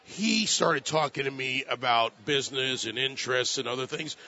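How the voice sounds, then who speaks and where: A man's voice: medium pitch, normal speed, sharp tone. A man on a political talk panel, telling stories and asking pointed rhetorical questions. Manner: storytelling, emphatic rhetorical questions. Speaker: political commentator. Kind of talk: panel discussion. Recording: dull lo-fi sound.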